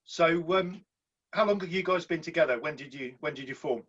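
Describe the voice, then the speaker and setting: A man's voice: on the high side, fairly quick, a bit bright, breathy edge. Matey male podcast interviewer. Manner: friendly, informal, calls people mate. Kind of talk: casual interview questions. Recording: dull lo-fi sound.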